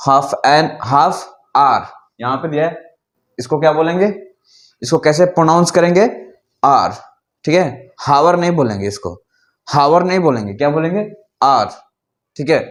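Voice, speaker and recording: A man teaching an English grammar lesson, explaining rules slowly and repeatedly while asking his students questions. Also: a little high, animated, roomy sound.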